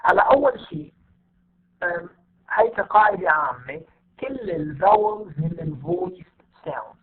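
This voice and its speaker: High-voiced man teaching over tinny audio. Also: lively intonation. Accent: Levantine Arabic. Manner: patient, repeats example words slowly for students. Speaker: English teacher. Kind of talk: online lesson.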